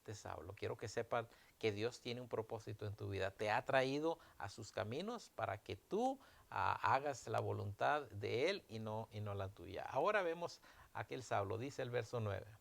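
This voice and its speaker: Gravelly-voiced man preaching a sermon. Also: on the low side, expressive, moderate pace. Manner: preaching with emphatic rises, retelling scripture dialogue. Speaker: pastor.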